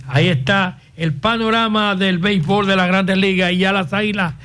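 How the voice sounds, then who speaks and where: A Dominican man co-hosting a sports radio show, reading scores in quick bursts and trading jokes with his co-hosts. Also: sits high, steady tone, a bit bright, a little hiss or hum. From Dominican Republic. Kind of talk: lively sports radio banter.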